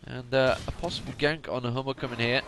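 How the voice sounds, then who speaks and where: A man's voice: mid-range voice, fast. Sleepy guy casting a game solo, rambly and chatty, keeps fixing what he said, hiss behind him. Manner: rambling, chatty, corrects himself often. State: tired, late at night. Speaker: esports commentator. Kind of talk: solo play-by-play game commentary. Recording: steady noise under the voice.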